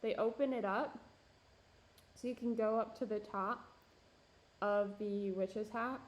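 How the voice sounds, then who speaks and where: A young woman hosts a casual pottery stream from her home studio, chatting with viewers between laughs and fillers. She's from the Minneapolis–Saint Paul area, her voice is steady, medium-pitched and slow, and she's clearly losing it.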